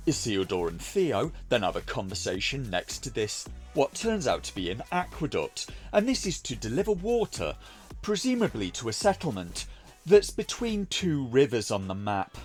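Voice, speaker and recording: A man's voice: medium pitch, darkish tone. A man delivering a scripted review narration in a mocking, sarcastic manner. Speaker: video reviewer.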